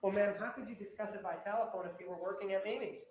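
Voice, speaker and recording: A man's voice: sits high, fairly even intonation, fast talker, slight background noise. A man prosecuting at a trial, cross-examining a witness with pressing, repetitive, combative questions. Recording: echoey courtroom audio.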